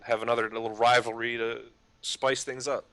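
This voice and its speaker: A man's voice: medium pitch, little pitch movement, moderate pace, a bit bright, clean tone, dry recording. A man co-hosting a casual podcast, arguing his views with plenty of fillers and some swearing. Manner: argumentative, hedging with fillers, swearing. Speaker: podcast co-host. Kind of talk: casual sports chat.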